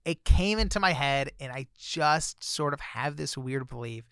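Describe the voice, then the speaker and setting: A male guest author tells a personal story in a casual, chatty way, full of fillers, and gets excited when he reaches the surprising parts. His mid-range voice is clear and resonant at a measured pace, recorded dry with studio quality.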